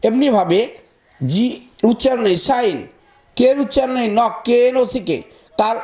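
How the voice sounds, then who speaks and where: A man's voice: very high voice, lively intonation, a little mellow. A man teaching a pronunciation lesson, spelling words out letter by letter and talking straight to his students. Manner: talks to students directly, repeating words slowly.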